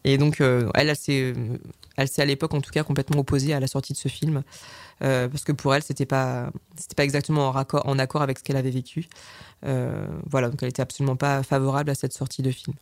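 A man's voice: medium pitch, level tone, quick pace, dry recording. A man presenting film trailers on a radio show, speaking in a hesitant way with frequent filler sounds and restarts.

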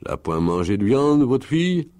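A man voicing a gruff old peasant who leads wolves, speaking in curt rustic commands with dialect words. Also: medium pitch, sing-song, normal speed, warm tone, lightly acted. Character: gruff old male wolf-leader, rough rustic peasant.

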